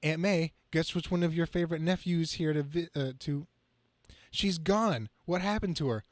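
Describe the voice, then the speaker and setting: Wisecracking young superhero, read by a man, slightly high voice. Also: normal speed, dry recording, lightly acted. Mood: worried, alarmed. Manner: flippant, quippy, stumbling over the script. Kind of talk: amateur dramatic comic-book reading.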